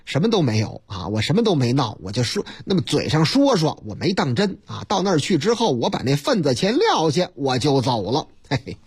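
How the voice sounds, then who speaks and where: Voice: huge pitch swings, a little fast, breathy edge, full character voice. A radio host with a Beijing accent voicing a sheepish young man who is talking about his ex-girlfriend's wedding. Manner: low, shrugging mumble.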